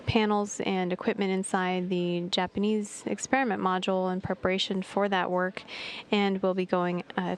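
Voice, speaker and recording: A woman mission control commentator narrating a live status update in a measured, halting way with hesitant pauses. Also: fairly low pitch, slight background noise.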